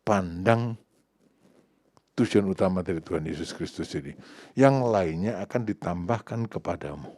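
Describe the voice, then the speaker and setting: A middle-aged Indonesian man with an Indonesian accent delivers a sermon in a low voice, recorded dry and close with little room sound. He keeps calling out to the congregation, climbing to loud emphatic peaks and dropping to quiet asides. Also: animated, moderate pace, long pauses, no echo. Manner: addresses the congregation repeatedly as "saudara". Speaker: pastor.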